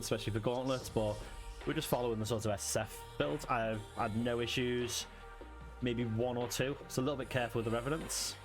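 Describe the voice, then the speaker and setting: Streaming a game from home, a Liverpool-accented man with a mid-range voice keeps up relaxed, chatty banter. He thanks chat, laughs frequently and leans on fillers, while music plays clearly behind him.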